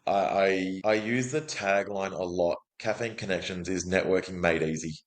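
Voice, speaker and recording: A man's voice: low-pitched, normal speed, low-quality recording. An outgoing Australian man talking casually as a guest in an interview, with lots of restarts. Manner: chatty, outgoing, frequent restarts and acted quotes. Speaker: guest, business development manager.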